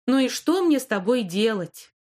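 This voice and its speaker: A firm, loving old grandmother, stern when she scolds and gentle when she reassures, as a woman voices her in an audiobook. Her steady voice dips a little lower and softer in the tender moments. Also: moderate pace. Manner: warm but stern, reassuring. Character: caring, firm elderly grandmother. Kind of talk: audiobook character voice.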